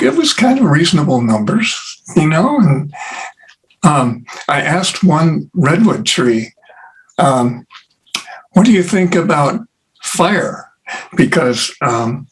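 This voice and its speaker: A man who is an interview guest, telling stories in an unhurried way with many pauses and fillers. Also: mid-range voice, rough recording. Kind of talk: casual conversation.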